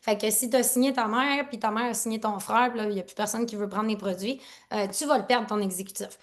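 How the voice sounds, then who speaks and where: A woman with a Quebec French accent gives an excited, rambling online training talk as a team leader over a laptop video call, laughing often. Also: a little high. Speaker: network marketing team leader.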